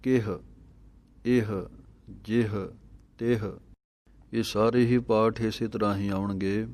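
Slow, flat-voiced man teaching recitation. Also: on the low side. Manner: chants verses slowly, then explains spelling in a measured tone. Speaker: scripture pronunciation teacher. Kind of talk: slow, careful recitation lesson.

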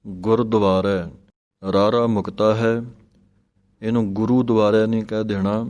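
A man teaching the correct pronunciation of scripture, chanting each verse slowly and then explaining the spelling and pauses in a plain spoken voice. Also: fairly low pitch, little pitch movement, darkish tone. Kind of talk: recitation lesson.

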